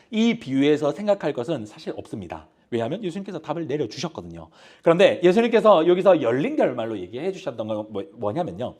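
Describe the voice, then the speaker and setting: Male youth pastor at a church youth service, conversational and questioning, somewhat high voice with a lively, rising and falling delivery. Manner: asks the congregation direct questions; gently hesitant, many fillers. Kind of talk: conversational sermon.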